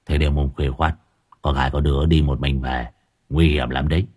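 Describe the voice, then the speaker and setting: A man voicing a thuggish male street tough who talks with low, growling gangster swagger. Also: little pitch movement, moderate pace, darkish tone, breathy edge. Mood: stern.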